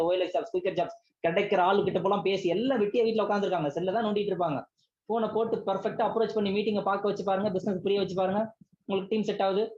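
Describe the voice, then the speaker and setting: Rapid-fire scolding man. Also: high-pitched, a little mellow. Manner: rapid, scolding, full of rhetorical check-ins. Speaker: business team leader. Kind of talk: motivational sales pep talk. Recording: slightly dull lo-fi recording.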